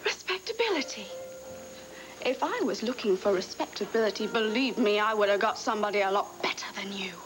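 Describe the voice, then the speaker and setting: A woman's voice: medium pitch, animated, brisk, over music, natural voice, rough recording. An actress playing a wounded, proud, defiant woman in a television soap opera, speaking with bitter, dramatic emphasis. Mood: indignant, hurt.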